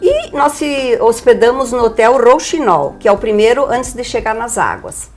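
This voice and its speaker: A woman's voice: on the high side, normal speed, faint music behind. An older woman from Brazil, telling her story with energy as a guest on a TV interview. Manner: lively, animated storyteller.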